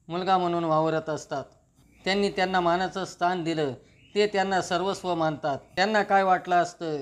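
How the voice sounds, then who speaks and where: A man reading the lines of an earnest young woman who calmly pleads her case to her father in a TV serial recap. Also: on the low side, close to an everyday voice. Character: young woman, earnest and reasoning daughter-in-law.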